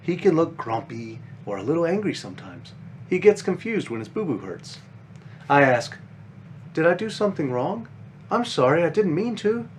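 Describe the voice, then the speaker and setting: In this reading, a man gives voice to an eager, caring big sister bunny, age five, patiently simplifying things for a little one. His delivery is earnest, his pitch swings lively at normal speed, and faint noise lingers underneath.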